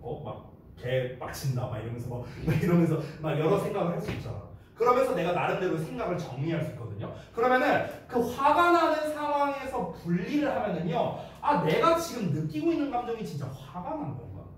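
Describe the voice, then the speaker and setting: A man's voice: high-pitched, sing-song, brisk, hardly any pauses. A man in his thirties teaching an exam-prep English lecture, casual and teasing, often checking in with his students. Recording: echoey room, mic at a distance.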